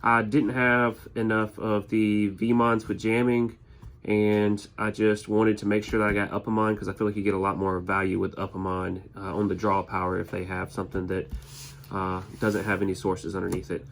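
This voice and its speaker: Fighting a slight cold, a man sniffles lightly while casually explaining the card game deck that took the tournament. He speaks at normal speed in a fairly low, monotone voice. His delivery is laid-back, with lots of fillers and false starts.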